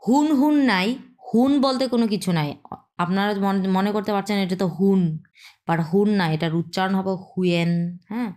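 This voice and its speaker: A woman's voice: medium pitch, darkish tone. Woman teacher modeling pronunciation. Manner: repeats sounds slowly to model pronunciation; mixes English words into Bengali. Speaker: language teacher. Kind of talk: explanatory language lesson.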